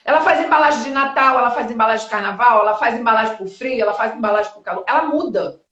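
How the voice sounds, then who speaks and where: A high-pitched woman in her fifties appears as a guest in a live-stream interview, chatting casually in a blunt, lively way with mild swearing and quick asides. Heard over a video call, the audio is dull and lo-fi, and her voice echoes in the room.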